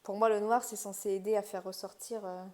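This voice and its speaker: A woman hosting her own crafts channel, talking casually to viewers. Her voice is mellow and rather dark, at an ordinary middle pitch. She thinks aloud, full of fillers and self-corrections. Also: fairly even intonation, fairly quick. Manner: chatty, thinking aloud, lots of fillers and restarts. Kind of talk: casual unboxing commentary.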